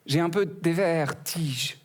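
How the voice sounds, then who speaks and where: Snippy little rose lady, a bit higher and prissy, guy doing her voice. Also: takes it slowly. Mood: prim. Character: prim, witty female rose who talks back.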